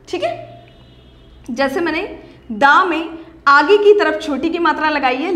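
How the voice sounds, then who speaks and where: A woman with a high voice teaches young children an online language lesson. She is patient, stretches out practice words slowly and keeps checking in with a lifted question. The room around her has a clear echo. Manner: patient, repeats "ठीक है?" with a rising lift; slow, drawn-out word drills. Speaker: primary school Hindi teacher. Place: home or classroom recording for online class. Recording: roomy echo.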